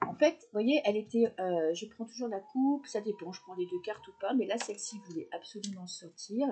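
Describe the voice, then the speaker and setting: A woman's voice: medium pitch, fairly quick, warm tone, breathy edge. A woman doing a casual tarot reading, talking straight to her viewers in a chatty way with frequent fillers. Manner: chatty, addresses viewers directly, many fillers. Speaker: tarot reader.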